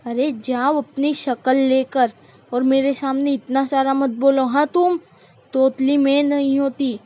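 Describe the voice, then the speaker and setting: A woman playing a bossy cartoon mother-in-law who nags and orders in a high, sharp voice. She talks slowly, drawing out every command. The recording sounds dull and lo-fi. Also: level tone. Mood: scolding. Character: bossy scolding middle-aged mother-in-law. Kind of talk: cartoon voice acting.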